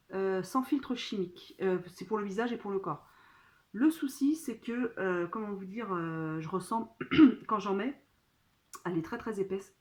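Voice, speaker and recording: A woman chatting casually to her phone during an unboxing, talking in a hesitant way full of fillers. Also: mid-range voice. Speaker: vlogger. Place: at home.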